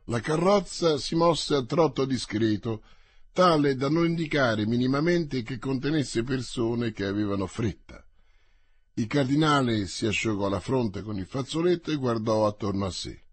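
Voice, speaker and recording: A man reads a novel aloud with measured, theatrical narration. His voice is husky and mid-pitched. The sound is dry and close, with no room around it. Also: dry recording. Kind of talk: audiobook reading for radio.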